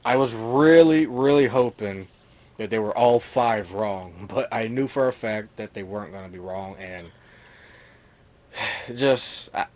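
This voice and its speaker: A man's voice: fairly low pitch, measured pace, a little mellow. A man co-hosting a casual sports talk stream, talking through picks with hedges and fillers. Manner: analytical, hedging, many fillers. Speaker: co-host.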